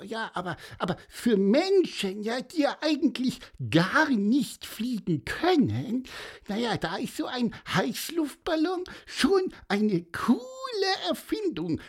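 An excitable little male bird chirps high and stammers through his words, as a man puts him on in a storybook reading. His voice leaps about in a lively sing-song and moves slowly. It sounds faintly husky underneath. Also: exaggerated voice.

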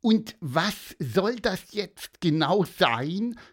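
A man voicing a small, indignant male talking bird who scolds in a shrill, drawn-out voice. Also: big pitch swings, full character voice. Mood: puzzled.

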